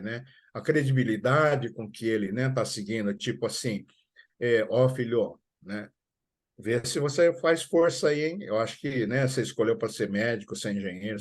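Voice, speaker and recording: A middle-aged man with a Brazilian Portuguese accent, a school coordinator giving parents advice on a live stream and acting out family talk in quick asides. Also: fairly low pitch.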